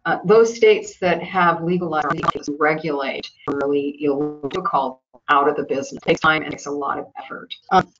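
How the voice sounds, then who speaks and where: A woman's voice: low voice, moderate pace, a bit bright, lo-fi sound. A woman presenting on a web call, hesitant with many ums, her audio cutting in and out like a loose cable. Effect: sound cutting in and out like a loose cable. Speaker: webinar presenter. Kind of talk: reading a prepared presentation.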